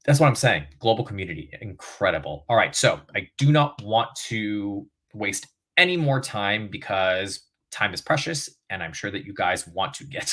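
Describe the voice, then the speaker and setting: A man's voice: deep voice, fairly bright tone. A young man livestreaming relationship advice from his bedroom, chatty and upbeat with frequent fillers. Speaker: relationship coach.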